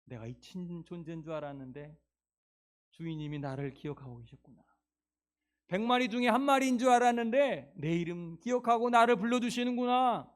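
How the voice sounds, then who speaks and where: A man's voice: a little high, a little fast, warm tone, close to an everyday voice. A man voicing a lost, lonely sheep in a sermon, speaking its thoughts plaintively and from the heart. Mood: relieved. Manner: plaintive, heartfelt inner monologue. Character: lost lonely sheep, frightened then relieved.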